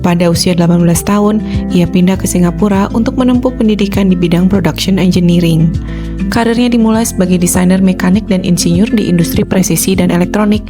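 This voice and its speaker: A woman narrating a scripted profile with a smooth, read-aloud delivery. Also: lowish voice, fast. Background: guitar music.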